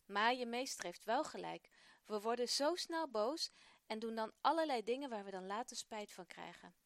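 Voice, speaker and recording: A woman reading the part of a kind, patient father, speaking gently and encouragingly. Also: on the high side, expressive, moderate pace, dry recording, studio quality. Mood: gentle. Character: kind patient father, middle-aged man.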